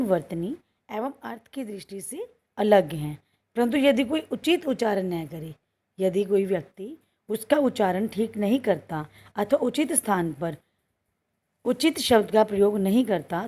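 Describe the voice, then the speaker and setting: A woman's voice: mid-range voice, warm tone, slightly rough. A woman teaching a school grammar lesson. She reads out word pairs one by one, asks questions and answers them herself, and mixes English words into her Hindi.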